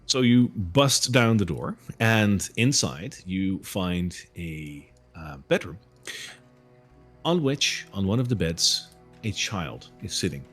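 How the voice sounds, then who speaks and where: A man narrating a tabletop role-playing game as game master, telling the scene in an animated way. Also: low voice, slow, breathy edge, faint music behind.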